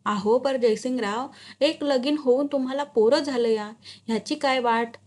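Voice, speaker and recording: A timid, worried village man, voiced by a woman reading a short story raises his doubts in hesitant rustic dialect. The voice is slightly high. He speaks with nervous caution. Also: normal speed, a little mellow, close to an everyday voice. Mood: cautious.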